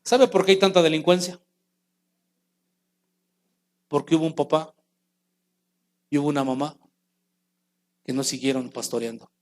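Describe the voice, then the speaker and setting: A high-pitched man preaching from the pulpit. He acts out little quoted scenes and lifts his voice in calls to the congregation. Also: measured pace, pauses often. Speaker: pastor. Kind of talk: sermon.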